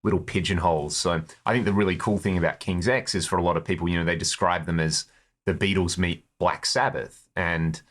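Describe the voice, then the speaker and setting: A man with a low, fairly bright voice speaks fairly quickly with fairly even intonation. He's an Australian guitarist from Perth in a touring band, appearing as an interview guest and chatting conversationally about his own experiences.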